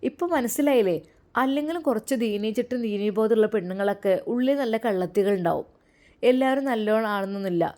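A woman's voice: a little high, fairly quick, lightly acted. A woman voicing a sly, pushy woman who coaxes and gossips on the phone. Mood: sly coaxing. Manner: coaxing, gossiping, loud.

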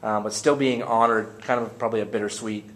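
A man's voice: fairly low pitch, fairly even intonation, fairly quick, fairly bright tone. A man interviewing players at a postgame press conference, rambling and restarting his questions.

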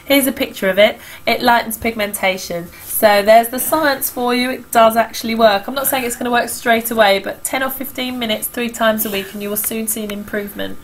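A woman hosting a casual beauty tutorial, chatty and self-mocking, her voice slightly husky and squeaky from a recent illness. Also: brisk, hardly any pauses, a little hiss or hum, poor audio. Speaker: beauty vlogger.

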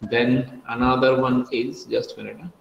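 A man's voice: medium pitch, level tone, moderate pace, gravelly, echoey room, lo-fi sound, background noise. A man giving a methodical online class lecture, often repeating and correcting himself, heard through screen-recorded call audio.

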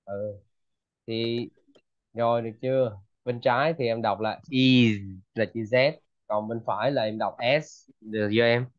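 A man's voice: mid-range voice, fairly even intonation, measured pace, dry recording, lo-fi sound. A man with a Vietnamese accent tutoring a student in English pronunciation, patiently repeating words. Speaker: English teacher.

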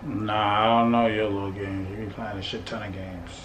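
A man's voice: lowish voice, little pitch movement, normal speed, a bit bright, echoey room, a little hiss or hum. A man hosting a prank vlog, whispering to the camera at first, then teasing his partner in playful slang. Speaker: prank channel vlogger.

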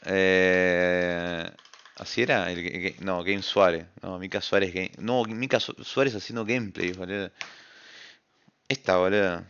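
A man's voice: deep voice, fairly even intonation, measured pace, a bit bright, clean tone, highs cut off. A young man with an Argentine accent, a streamer chatting casually with his chat, slangy and rambling, swearing often. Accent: Argentine Spanish. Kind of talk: casual chat reading a live chat. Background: background music.

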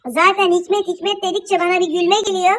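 Someone doing a shrill bickering village auntie. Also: flat delivery, a bit bright. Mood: bickering gossip. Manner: scolding, quarrelsome, rapid gossiping. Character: gossipy elderly village auntie on the phone. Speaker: comic character. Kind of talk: one-sided phone call comedy sketch.

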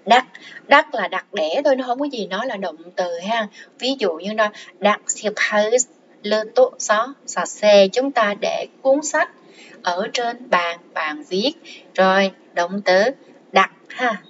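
A woman teaching a language lesson, explaining song lyrics word by word in a patient way and repeating each word slowly. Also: mid-range voice, highs cut off, slight background noise. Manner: patient, repeats words slowly, many fillers.

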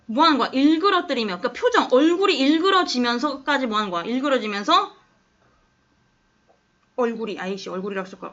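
Bright-voiced woman teaching a class. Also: high-pitched. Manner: coaxing, keeps asking the class if they understand. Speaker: English teacher. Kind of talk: classroom lesson explaining an English text. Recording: dull lo-fi classroom recording.

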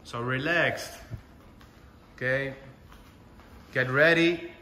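A man's voice: mid-range voice, extremely slow, sharp tone. A man working as a kickboxing coach, giving short, commanding, encouraging cues and countdowns to a class. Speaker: kickboxing coach leading a heavy bag class. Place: indoor kickboxing gym with mats and mirrors. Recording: echoey gym with clear background noise, clicks.

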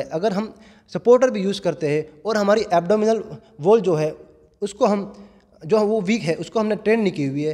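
Holding a clip-on lapel mic, a twenty-something gym owner explains fitness to camera in a large indoor gym, speaking earnestly and treating his audience like friends. His voice sits high and is a little mellow, and the gym hall gives a long reverb.

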